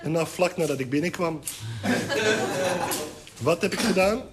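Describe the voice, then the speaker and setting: A man's voice: a little high, lively intonation, unhurried. A man playing a hungover, forgetful caller in a comic phone monologue, groggy and chuckling sheepishly. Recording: loud crackle and clicks, old record.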